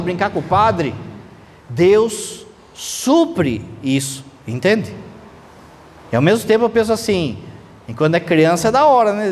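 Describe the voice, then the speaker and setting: High-voiced priest preaching. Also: male voice. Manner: conversational, animated, uses rhetorical questions. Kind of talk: sermon. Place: church. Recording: reverberant church hall, faint noise.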